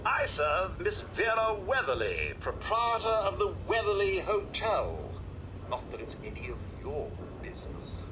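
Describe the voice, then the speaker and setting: A man voicing a snarky male robot hotel butler in a video game, talking in a smooth, overly polite way with sly sarcastic asides. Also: high-pitched, sing-song, measured pace, over music. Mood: snooty. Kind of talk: video game character dialogue. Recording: game audio under loud background noise.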